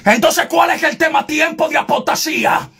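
A man preaching a fiery sermon as an evangelist, shouting insistently and confrontationally, at times breaking into tongues. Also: very high voice, normal speed, creaky, soft background music.

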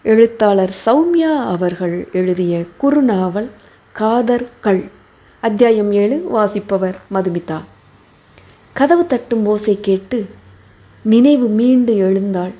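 A woman reads a novel aloud as audiobook narrator and host, measured and gentle. Her delivery is slow and unhurried, her voice mellow and warm. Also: medium pitch.

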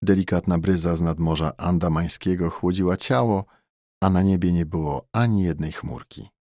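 Male audiobook narrator, very low voice, measured and steady, dry close studio sound. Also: dry recording.

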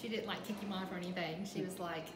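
A woman's voice: lowish voice, fairly even intonation, fast talker, roomy sound, background noise. A middle-aged woman in heartfelt casual chat as an interviewed mother. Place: small lamp-lit room.

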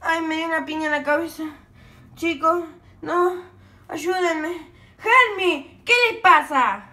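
High excitable woman gamer. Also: slow pace. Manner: excitable, screams and frightened exclamations. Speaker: gaming video host. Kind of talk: let's play commentary.

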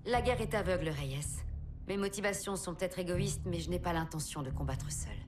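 A woman's voice: on the low side, brisk, background noise, lightly acted. An actress playing a firm, composed female warship captain in her forties in a video game. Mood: frank, composed. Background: game music.

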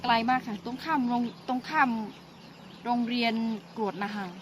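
A middle-aged woman telling her stories in casual chat, animated as she goes. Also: fairly high pitch, normal speed, a little hiss or hum. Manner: animated storytelling. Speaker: interviewee.

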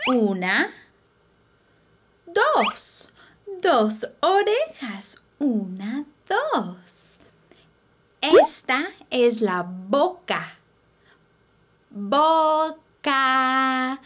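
A woman with a high, husky voice teaches Spanish words to babies and toddlers in slow, sing-song style, full of bouncy, giggly baby talk and playful animal sounds.

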